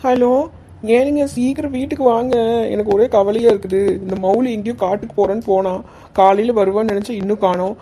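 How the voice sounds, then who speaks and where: A woman's voice: medium pitch, fairly quick, mellow, slight background noise, lightly acted. A woman voicing a tearful, worried mother whose daughter is missing, in a cartoon. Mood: distraught. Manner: tearful, worried, blaming herself. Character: distraught mother of a missing girl.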